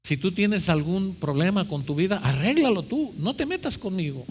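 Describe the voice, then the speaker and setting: A man's voice: sing-song, moderate pace, slightly rough, big-room sound, exaggerated voice. A man voicing a suffering female clay teacup that pleads and protests, as a sermon illustration. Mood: complaining. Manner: high, whiny and complaining.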